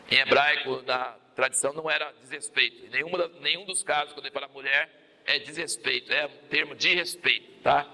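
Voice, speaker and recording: A male pastor with a Brazilian Portuguese accent preaches a sermon. His voice sits high and has a sharp, very bright edge. He repeats key phrases and puts questions to the congregation.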